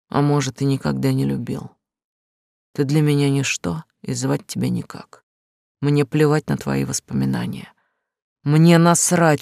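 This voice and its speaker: A woman reading the lines of a cruel, contemptuous man in an audiobook, cutting and scornful, sometimes shouting. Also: rumbling low, vocal fry, no room sound, clean studio sound. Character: cruel, contemptuous man rejecting his lover.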